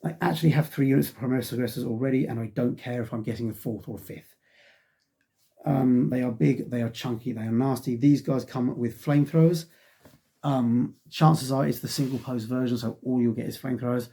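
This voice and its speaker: A brisk, warm male voice, mid-range and slightly rough with vocal fry, belongs to a middle-aged man reviewing a wargaming magazine. He rambles casually, sighs often and leans on ums, all while a cold leaves him losing his voice.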